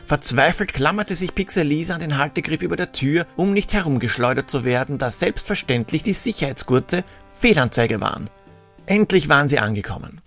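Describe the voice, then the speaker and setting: A man tells a scripted Christmas story with dry, sarcastic asides. His voice sits a little high. Faint music plays underneath. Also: animated, fairly quick, a bit bright. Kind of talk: scripted narration.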